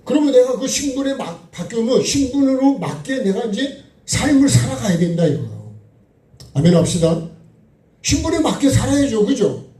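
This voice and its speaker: A man's voice: very high voice, big pitch swings, normal speed, dark tone. A middle-aged man preaching a sermon, talking conversationally and prompting the congregation with frequent asides. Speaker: pastor. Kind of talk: sermon with sung worship. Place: church sanctuary. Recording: echoey room, distant mic, faint music.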